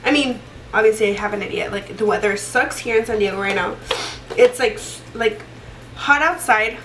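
A beauty vlogger in her twenties, stuffy from a cold, chats through a casual makeup tutorial full of fillers and restarts. Her mid-range voice moves at a moderate pace, captured a bit off-mic from a distance in a small indoor room with roomy echo and a noisy background.

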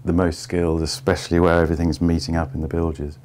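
Deep voiced guy in his 50s, walks you through a boat hold, steady and explaining. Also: slight background noise. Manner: measured, explains step by step. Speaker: barge restorer giving a tour. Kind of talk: explanatory walking tour. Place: inside the wooden hold of an old sailing barge.

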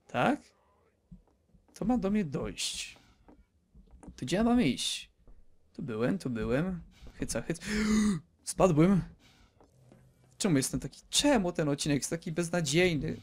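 A man's voice: on the high side, creaky. A man giving casual, joking commentary while playing a video game, rambling, exclaiming and talking to viewers and game characters. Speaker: let's play gamer.

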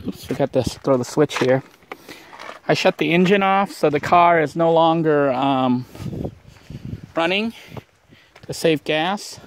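With his voice on the high side, a man casually walks viewers through his cooking in an outdoor vlog by a van. He's relaxed and rambles, using plenty of fillers, and a little hiss or hum can be heard.

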